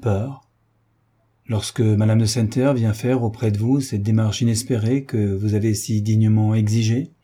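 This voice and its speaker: A man's voice: lowish voice, steady tone, moderate pace, dark tone, breathy edge. A man voicing an older hunchbacked marquis in an audiobook reading, earnest and urging. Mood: urgent.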